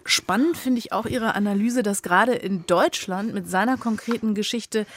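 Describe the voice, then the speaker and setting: A woman's voice: medium pitch, normal speed, no echo, clean studio sound. A German woman interviewing a guest, asking composed, articulate questions. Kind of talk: radio-style interview questions.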